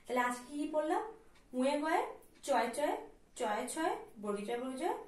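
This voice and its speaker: A woman teaching a primary school class in Bengali, with a West Bengal accent. She talks slowly and patiently, spelling each word out letter by letter and often asking the children if they follow. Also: high voice, big pitch swings. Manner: slow, patient, spelling words out letter by letter and often checking "all right?". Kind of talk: recorded class lesson. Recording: echoey room, voice from a distance.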